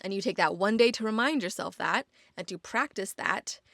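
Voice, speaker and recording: A woman's voice: mid-range voice, moderate pace, creaky, a bit bright, dry recording, studio quality. A young woman hosting her own podcast, talking casually and encouraging listeners, repeating phrases for emphasis. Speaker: podcast host. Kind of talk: casual solo podcast monologue.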